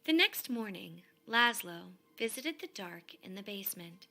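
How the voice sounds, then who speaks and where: A woman reading a children's story aloud expressively, in measured phrases that often fall to a hush. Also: mid-range voice, big pitch swings, creaky. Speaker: storybook reader.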